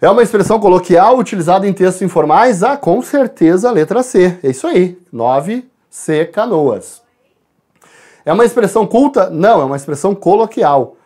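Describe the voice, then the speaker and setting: Lively male teacher, chatty lesson, speaks to the class and parents. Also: sits high, moderate pace. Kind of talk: exam answer walkthrough.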